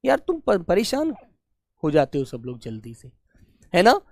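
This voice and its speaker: A man teaching a live online exam class in a patient, coaxing way. He repeats every question to his pupils and calls them "beta." He scolds them gently. His voice sounds close and dry, with no room sound around it. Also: high voice, huge pitch swings, a little slow, vocal fry, no echo. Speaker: Hindi teacher.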